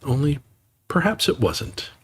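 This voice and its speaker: A man voicing a small, timid piglet in a high, hesitant voice for a storybook reading. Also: sing-song, unhurried, husky, exaggerated voice.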